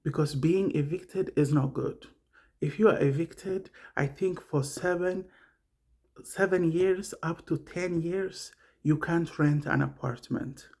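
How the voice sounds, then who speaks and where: A man's voice: on the high side, slow, darkish tone, husky. A middle-aged man from Somalia talking casually about his own experience, rambling and repeating himself as he searches for words. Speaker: vlogger sharing personal experience. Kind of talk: casual personal monologue.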